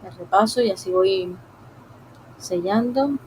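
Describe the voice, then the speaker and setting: Woman, gentle drawing tutorial, mid-pitched voice, faint background hiss. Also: poor audio. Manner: soft, unhurried, talks while drawing; addresses viewers directly. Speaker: drawing teacher. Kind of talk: live-streamed drawing lesson.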